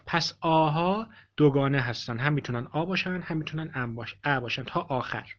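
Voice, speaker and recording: A man's voice: on the high side, slight background noise. Man teaching a language lesson, dull recording. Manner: explains slowly, repeating each example sentence.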